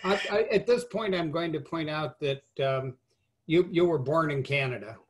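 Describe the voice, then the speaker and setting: A man's voice: a little high, moderate pace. A man hosting an interview, asking questions in a chatty way and dropping in short reactions. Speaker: interviewer host. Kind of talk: conversational interview.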